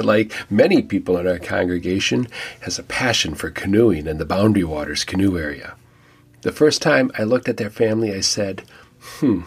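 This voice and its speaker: A man with a lowish voice and a breathy edge hosts a church podcast. A pastor as well as host, he narrates a guest's story from a script, in a reflective manner with light joking.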